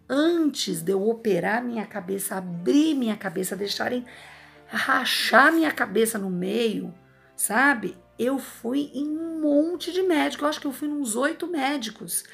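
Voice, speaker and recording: A woman's voice: sits high, gravelly, a bit bright. A Brazilian woman with a Brazilian Portuguese accent, speaking earnestly from a hospital and lecturing the audience with many rhetorical asides. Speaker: advice vlogger. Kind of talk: emphatic personal monologue.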